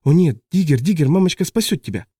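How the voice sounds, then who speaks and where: A man's voice: mid-range voice, lively intonation, brisk, mellow, husky, dry recording, clean studio sound. A man reading an audiobook, voicing a frantic young woman pleading for help. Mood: desperate. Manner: urgent, pleading.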